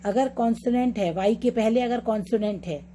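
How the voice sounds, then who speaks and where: Woman teaching spelling, slow and patient. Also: on the high side, mellow, a little hiss or hum. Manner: explains patiently, repeats example words slowly. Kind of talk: online lesson mixing Hindi and English.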